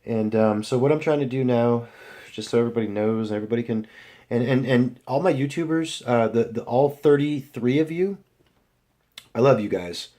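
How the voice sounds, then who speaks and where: A man's voice: mid-range voice, brisk, dark tone. Rambling young man talking to viewers. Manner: rambling, many fillers and restarts, addresses viewers as guys. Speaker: vlogger. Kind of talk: rambling casual vlog chat.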